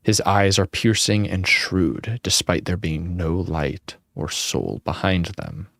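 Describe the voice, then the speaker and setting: A young man reads a fantasy game's story aloud at an unhurried pace, with a low, gravelly voice that still rises and falls a lot. The sound is dry and close, with plain casual remarks between the passages. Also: fairly bright tone, no echo. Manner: reads the story text slowly, breaking off into blunt asides. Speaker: game streamer. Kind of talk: reading a text game aloud, casual commentary.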